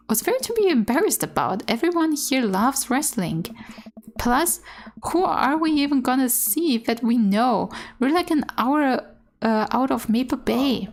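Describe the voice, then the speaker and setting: High-voiced woman reading a game aloud. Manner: stumbles over words while reading, candid asides. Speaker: gaming streamer doing a let's play. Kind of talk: reading game dialogue aloud with casual commentary.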